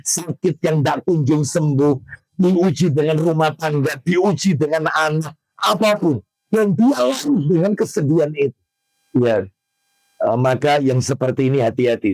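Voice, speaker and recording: A man preaching a sermon to a women's study group. He is animated, sending his pitch up to act out his examples, and he stops to quiz his listeners. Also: dry recording, rough recording. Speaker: Islamic preacher.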